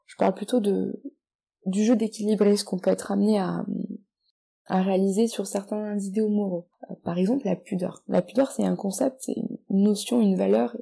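A young woman from France speaks in a measured, reflective way, sometimes restarting her phrases. Her voice is dark and mellow, with a gravelly, husky grain. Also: mid-range voice, fairly even intonation. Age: 20s. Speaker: guest. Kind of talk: reading own poetic text, then casual interview talk.

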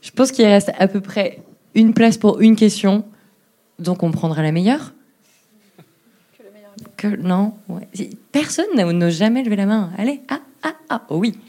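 Woman moderator, warm tone, relaxed live-event chatter. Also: mid-range voice, moderate pace, pauses often. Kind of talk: casual live chat.

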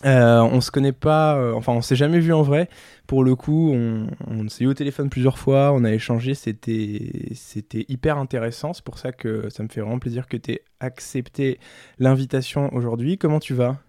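Mellow-voiced podcast host, halting. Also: male voice, mid-range voice, steady tone, dry recording, clean studio sound. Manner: hesitant, friendly, many fillers. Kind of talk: conversational interview.

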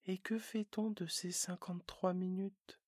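Narrator doing a gentle curious boy prince, whispered role-play, breathy, very slow. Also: medium pitch, flat delivery, dry recording, studio quality, lightly acted. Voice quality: soft, hushed, slow.

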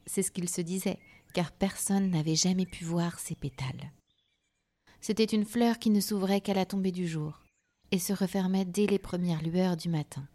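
Gentle lady reading a kids' story, soft and warm, lowish voice, drops to a whisper now and then. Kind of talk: children's story narration.

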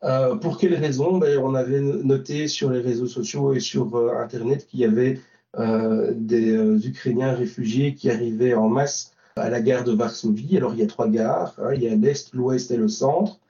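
With a warm, steady, mid-range voice at a moderate pace, a volunteer driver from Belgium describes a trip in an interview. He hesitates, restarts and leans on fillers, and the lo-fi recording is distant, roomy and dull.

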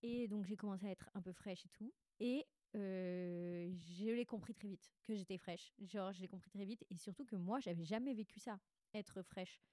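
A woman speaks with a stuffy, congested nose. Her voice is mellow, at an average pitch for a woman, and the sound is very dry with no room echo. She chats candidly and slangily, as if confiding a diary, often wandering and correcting herself mid-sentence. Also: moderate pace. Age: 20s. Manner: candid, rambling, self-interrupting. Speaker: podcast host. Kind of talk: casual confessional monologue, chatty and slangy.

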